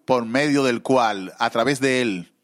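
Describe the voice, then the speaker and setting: Male preacher, mid-pitched voice, fervent sermon delivery with halting fillers. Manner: fervent, rising to emotional pleas.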